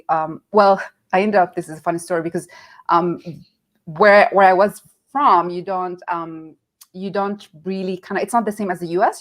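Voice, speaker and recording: A middle-aged woman from Nazareth, a guest telling her career story in a casual interview and acting out quoted voices. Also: on the low side. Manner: animated, acts out quoted voices.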